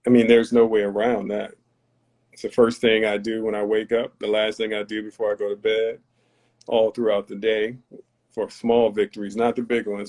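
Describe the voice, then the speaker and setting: A man from Tarboro, North Carolina, appears as a podcast guest, his lowish, darkish voice carrying reflective conversational talk. He sounds earnest and philosophical, somewhat preachy.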